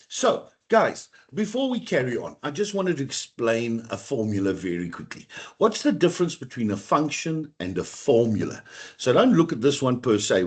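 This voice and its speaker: A man teaching an online exam-prep class over a computer mic, chatty, with a rough, coughing throat and a habit of saying "guys". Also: mid-range voice. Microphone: computer mic on a video call.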